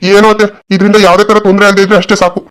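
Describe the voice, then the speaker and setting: Man voicing a jittery cartoon son-in-law, worried, fairly high quick voice. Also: little pitch movement, fairly bright tone. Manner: uneasy, nervous.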